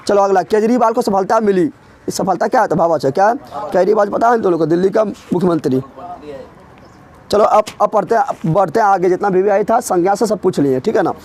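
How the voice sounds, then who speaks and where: Guy teaching grammar, high voice, keeps firing questions back at the class and ribbing them. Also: a little fast, a little mellow. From Bihar. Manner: drilling, asks students rhetorical questions and teases them. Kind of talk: exam-prep grammar lesson.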